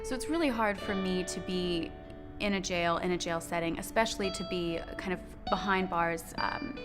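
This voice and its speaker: A woman speaking as a benefits case worker in a scripted training role-play, calm and reassuring as she explains. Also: lowish voice, normal speed. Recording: music bed under speech.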